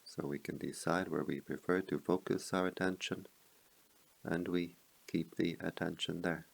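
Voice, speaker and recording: A meditation teacher with a very low, heavily creaky voice guides listeners in short, measured phrases with a steady tone. His slow instructions are separated by long pauses.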